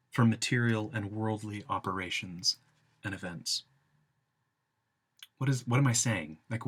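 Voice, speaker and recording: A man giving an academic philosophy lecture in deliberate, emphatic phrases broken into short segments. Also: medium pitch, fairly bright tone, breathy edge.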